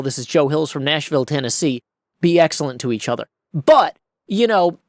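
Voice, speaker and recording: In clean studio sound with no room echo, a forty-year-old American man speaks in a higher-leaning voice. The video creator and host reflects casually in a personal vlog, using folksy phrasing and wandering off into asides.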